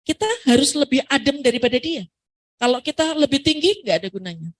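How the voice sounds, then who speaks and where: A woman from Surabaya speaking at a parenting seminar, answering an audience question in a lively way that acts out what parents and children say. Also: high-pitched, quick pace. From Surabaya, Indonesia.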